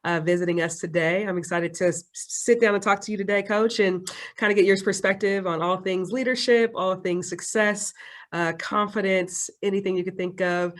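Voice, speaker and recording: A woman's voice: medium pitch, steady tone, normal speed. A woman coach and doctoral student hosting an interview, asking long, upbeat questions in a talkative way. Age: adult doctoral student.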